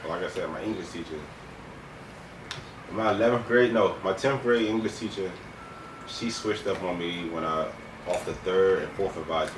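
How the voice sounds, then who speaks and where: Deep-voiced young man, noisy echoey room. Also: normal speed, long pauses. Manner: blunt, slangy, repeats himself for emphasis. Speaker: co-host of a couple's eating video. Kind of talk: casual chat. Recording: echoey room, distant mic, clear background noise.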